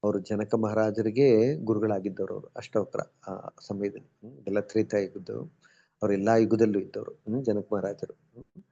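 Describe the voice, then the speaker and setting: A man's voice: fairly low pitch, fairly even intonation, moderate pace, gravelly, dark tone. A man with a Bengaluru Kannada accent telling stories in a colloquial devotional talk, acting out the people he quotes. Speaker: devotee speaker. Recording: dull lo-fi sound.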